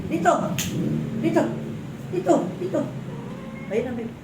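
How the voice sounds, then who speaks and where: A woman filming a casual home vlog on her phone, coaxing her cat with drawn-out calls and soft murmurs. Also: sits high, lively intonation, recorded from a distance. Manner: coaxing, sing-song calls and hushed murmurs to a pet. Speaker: vlogger. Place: room at home. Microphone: phone camera. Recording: echoey room with clear background noise.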